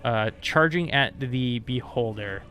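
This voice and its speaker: A man narrating a tabletop game as game master in casual, halting, improvised phrases. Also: medium pitch, bright, forceful tone, soft background music.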